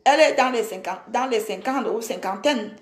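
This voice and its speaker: Scolding a rival and repeating herself, a social media personality from Cameroon, a woman in her forties, delivers an angry Facebook live rant full of indignation. She speaks at normal speed in a fairly high voice, with roomy sound.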